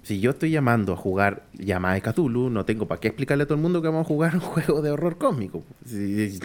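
A Chilean man chatting casually on a podcast about horror role-playing, pausing often with fillers and restarts. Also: mid-range voice, animated, darkish tone. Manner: hesitant, many fillers and restarts. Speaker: podcast host discussing tabletop horror games.

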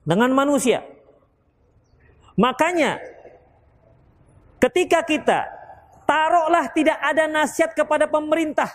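A man from Indonesia teaching an Islamic study session and answering audience questions, lively and playful as he acts out short exchanges. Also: very high-pitched. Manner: lively, mimics people in quick asides, laughs along. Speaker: ustadz giving a religious study session.

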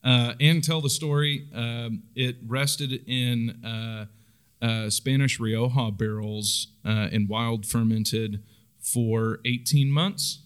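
A man talking casually as a podcast host, relaxed and rambling with lots of fillers. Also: medium pitch, takes it slowly, clear, resonant tone. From Oklahoma. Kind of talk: casual chat.

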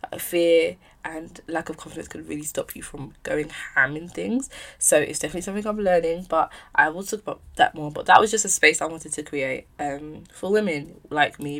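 A young woman with a South East London accent and a notably low voice, thick with vocal fry. She talks as a podcast host on her own, in a casual, candid and opinionated way, chatting directly to listeners. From south-east London, England. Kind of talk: casual solo podcast chat. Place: at home.

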